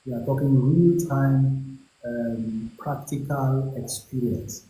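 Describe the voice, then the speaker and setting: A man with a Nigerian English accent hosting a live call-in investment coaching session, giving an encouraging, salesy pitch with frequent ums. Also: slow pace, dark tone. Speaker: investment coach and livestream host. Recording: echoey room with faint hiss.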